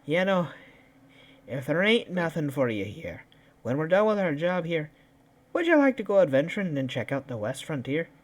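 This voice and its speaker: A man playing his character in a tabletop game, joking with the table and breaking into laughter often. His pitch swings widely as he talks, from low mutters to sudden high exclamations. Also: sing-song, moderate pace. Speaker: player.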